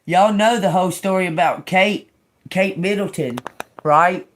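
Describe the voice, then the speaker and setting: This tarot reader, a woman in her fifties, speaks at a fairly low pitch and a slightly slow pace, addressing viewers as y'all in an emphatic, talkative reading.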